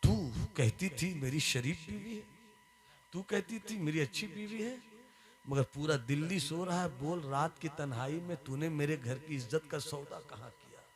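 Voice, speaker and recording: A preacher doing a furious jealous husband. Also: male voice, on the high side, moderate pace, close to an everyday voice. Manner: shouting, accusing.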